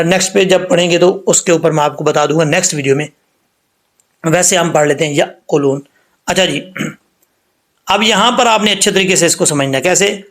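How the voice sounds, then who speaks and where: A man teaching Quran recitation rules, explaining letter by letter and slowly drawing out the recited words. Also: a little high. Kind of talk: tajweed lesson with slow recitation.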